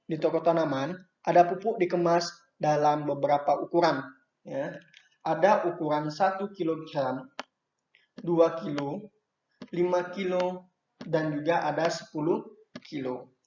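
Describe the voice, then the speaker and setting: A man's voice: fairly high pitch, a little mellow. Patient male teacher, echoey and dull. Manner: patient, adds "ya" and "nah" to checks and turns. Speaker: primary school teacher. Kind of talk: explaining a workbook lesson to young children. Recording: echoey room, dull lo-fi sound.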